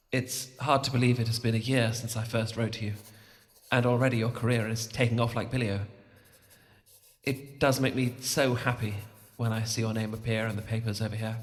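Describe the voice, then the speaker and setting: In an ASMR romance roleplay, an English-accented young adult man voices a charming, shy gentleman vampire who is polite, old-fashioned, and prone to tripping over his words. The mood is tender, delivered at medium pitch with light acting.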